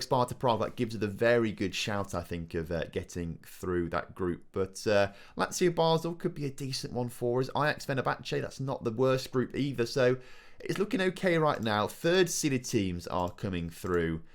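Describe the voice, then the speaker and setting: A young man hosting a football management game video, chatting excitably and repeating himself. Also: mid-range voice, moderate pace. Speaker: gaming video host. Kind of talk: casual gaming commentary.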